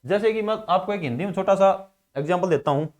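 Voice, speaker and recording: A man from India with a high voice and a Haryanvi Hindi accent moves quickly through a classroom grammar lesson. He asks his own questions and answers them.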